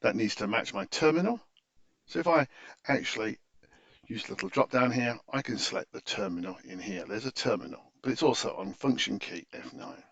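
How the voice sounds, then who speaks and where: A man giving an unscripted, methodical screen-share software tutorial in an explanatory, instructive way, on a dull recording. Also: medium pitch, big pitch swings, a little fast, gravelly, dry recording.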